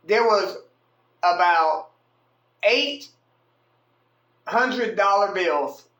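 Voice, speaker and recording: A man telling a casual story about his own night out, animated and slangy, swearing freely. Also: sits high. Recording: echoey room.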